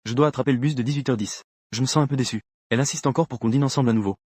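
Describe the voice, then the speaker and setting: Fast, dry male story narrator. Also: medium pitch, darkish tone, no echo. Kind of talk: first-person story narration for a comic dub.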